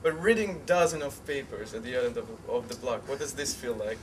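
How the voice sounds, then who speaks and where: A man's voice: medium pitch, a little fast. A man hosting an interview, asking light and playful questions. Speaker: interview host. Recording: distant mic with faint background noise.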